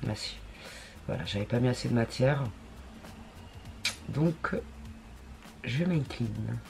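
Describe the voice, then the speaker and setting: A woman's voice: very deep voice, expressive, takes it slowly, gravelly, over loud music. A woman chatting casually through a makeup tutorial, slangy and talking to herself as she works. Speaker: beauty vlogger.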